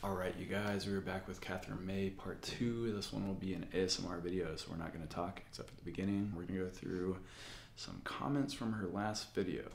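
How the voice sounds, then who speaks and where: Chiropractor guy, low gravelly voice, soft casual chat to camera. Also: roomy sound, a little hiss or hum. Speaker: chiropractor hosting treatment video. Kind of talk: casual soft-spoken chat to viewers and patient.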